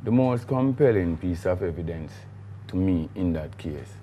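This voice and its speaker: Deep Jamaican man, rambling studio guest. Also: expressive, moderate pace, warm tone, slight background noise. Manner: rambling, emphatic with patois phrasing. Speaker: guest, recording artiste. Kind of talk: studio interview.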